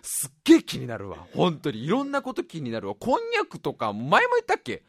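Lively, laughing man rambling comically. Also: a little high, quick pace, dry recording, studio quality. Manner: animated, rough casual speech, laughs often, stumbles and self-corrects. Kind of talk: rambling comedic monologue.

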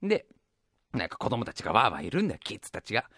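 A man hosting a show, telling a funny childhood story in a casual, slangy way and dropping to a hush for suspense. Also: on the low side, very fast, vocal fry, husky, no echo, clean studio sound. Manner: animated, comic, slangy, drops to a hush for suspense. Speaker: podcast host.

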